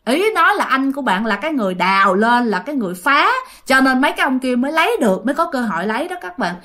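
A woman's voice: sits high, lively intonation, rapid-fire, sharp tone. A woman with a Southern Vietnamese accent telling a ghost story in a chatty, repetitive way, talking straight to her listeners. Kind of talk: casual ghost story narration.

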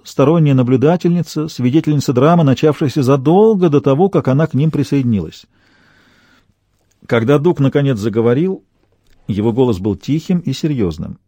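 Expressive male audiobook narrator, dark tone. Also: mid-range voice, dry recording, clean studio sound. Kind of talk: scripted narration.

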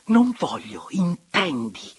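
A man voicing a young noblewoman who is tender and torn toward a former lover, speaking softly and sinking into hushed whispers. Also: mid-range voice, normal speed, slightly rough. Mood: anguished. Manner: soft, hushed, dropping to whispers.

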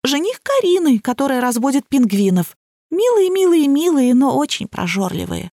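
A woman's voice: sits high, very animated, moderate pace, warm tone, dry recording, studio quality, voice pushed up. A woman reading an audiobook and voicing a ditzy, doll-like young woman who whimpers and chirps in childish baby talk. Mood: chirpy. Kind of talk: audiobook character voice.

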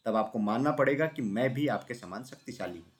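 A man's voice: medium pitch, animated, a little fast, close to an everyday voice. A man voicing a small, clever male rabbit in a children's story, speaking politely and respectfully.

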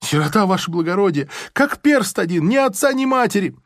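A man voicing a servile convict who begs in a high, whining, pleading way, in a storybook reading. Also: expressive, a little fast, no echo, studio quality. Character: pleading young male convict.

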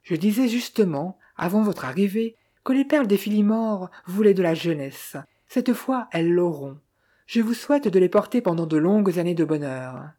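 A woman's voice: on the low side, animated, moderate pace, warm tone. A woman reading the lines of a gracious elderly society lady in an audiobook.

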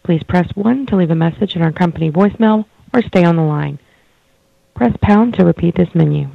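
A man's voice: fairly high pitch, fairly quick, vocal fry, no room sound. A man's recorded business greeting and menu options, heard over a landline phone line and read formally. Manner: formal, evenly read announcements. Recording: muffled phone line audio.

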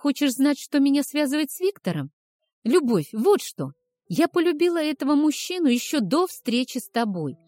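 A woman's voice: mid-range voice, very animated, moderate pace, darkish tone, dry recording, studio quality. Woman playing a furious young werewolf woman. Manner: fierce, biting, growled retorts.

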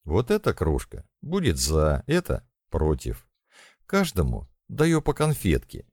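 A man reading an audiobook voices an eager, excitable young woman. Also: sits low, measured pace, no room sound, studio quality, full character voice. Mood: cheerful. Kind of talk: audiobook character voice.

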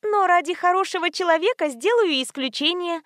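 A chatty young nurse lifts her voice high and sweet, eager to please, played by a woman narrating a storybook. The sound is dry and close. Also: lively intonation, normal speed, no echo.

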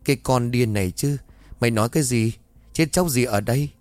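A man's voice: medium pitch, a little fast, a little mellow, no echo, faint music behind, natural voice. A man voicing a bossy young woman friend. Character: young woman, frightened friend who gives firm orders.

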